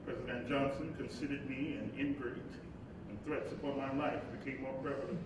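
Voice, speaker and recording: In a staged reading of a play, a man voices a weary civil rights leader and husband under siege, delivering monologue and dialogue with an orator's emphasis. His pitch barely moves, his pace runs slightly quick, and the acting is light, troubled and reflective, with stammers when he's upset. It's a live performance in an echoey hall, caught on a distant mic with a rumbling undertone.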